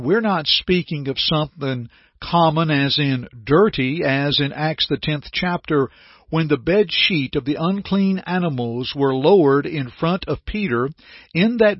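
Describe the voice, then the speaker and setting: A man hosting a radio Bible study, speaking in a dense radio broadcast voice with a steady, earnest preaching delivery. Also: a little high, no room sound. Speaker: radio Bible program host. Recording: dry, slightly dull radio studio sound.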